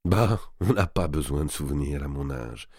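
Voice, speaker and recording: A man voicing a hot-tempered young man of twenty in an audiobook, his voice lifting sharply as he turns vengeful. The delivery is animated, with a lot of movement in pitch. The recording is dry. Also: moderate pace, breathy edge, no echo, full character voice. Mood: weary. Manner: impetuous, rising to anger.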